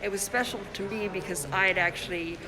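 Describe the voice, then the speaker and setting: A woman's voice: medium pitch, quick pace, poor audio. A woman from the Congo, an artist giving a casual livestream tour of her exhibition, chatting as she walks through an indoor gallery on her phone. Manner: chatty, showing work while walking around. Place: indoor art gallery at a busy opening. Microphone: handheld phone livestream. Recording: crowd chatter behind, phone mic. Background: gallery crowd chatter.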